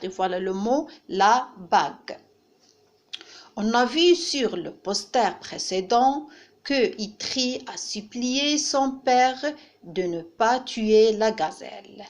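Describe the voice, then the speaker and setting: A woman teacher giving a reading lesson to young children, patiently repeating each word and splitting it into syllables. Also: a little high. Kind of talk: French phonics lesson for children.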